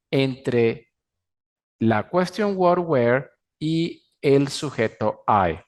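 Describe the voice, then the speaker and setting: A man teaching an English grammar class in Spanish, pronouncing the English example sentences slowly and clearly. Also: medium pitch. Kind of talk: recorded class lecture.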